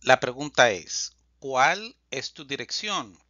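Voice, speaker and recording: A man teaching a language lesson, reading phrases slowly and deliberately and repeating them for learners. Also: mid-range voice, expressive, pushed and bright, no echo, muffled recording. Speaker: Spanish teacher. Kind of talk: slow scripted language lesson.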